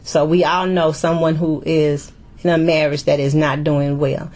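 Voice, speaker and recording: Middle-aged woman host, lowish voice, casual chatty delivery with restarts. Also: little pitch movement, moderate pace, darkish tone. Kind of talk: casual discussion.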